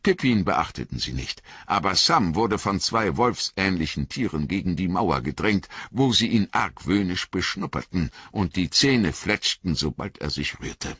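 A man narrating a fantasy audiobook in an expressive storytelling manner. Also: low voice, a little slow, hardly any pauses, husky, dry recording, lo-fi sound. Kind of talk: scripted narration.

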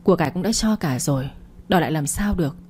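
A woman's voice: deep voice, animated, fast talker, mellow, slightly rough. A woman voicing an anxious, loyal older housekeeper who speaks with worry and pleading. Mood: sorrowful. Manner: worried, pleading.

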